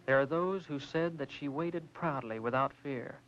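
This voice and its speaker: A man's voice: on the high side, moderate pace, a bit bright, slight background noise. Grave male film narrator. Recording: dull lo-fi film soundtrack with music.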